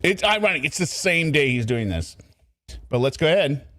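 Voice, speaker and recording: A man's voice: fairly high pitch, big pitch swings, normal speed, fairly bright tone, dry recording. A man hosting a casual commentary show, talking with sarcastic, scornful asides. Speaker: commentary channel host.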